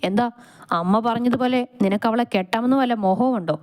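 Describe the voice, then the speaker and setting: A woman's voice: fairly high pitch, fast, a little mellow, voice pushed up, lightly acted. A woman voicing an arrogant young male hospital director who talks in a curt, scolding way. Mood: angry.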